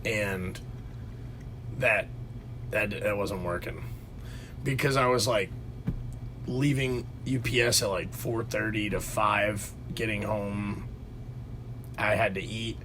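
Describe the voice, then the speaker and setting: Against a noisy background, a man with a fairly low, steady voice takes his time, leaving long pauses. He's co-hosting a podcast from his home basement, chatting casually through a rambling tale with frequent restarts and fillers.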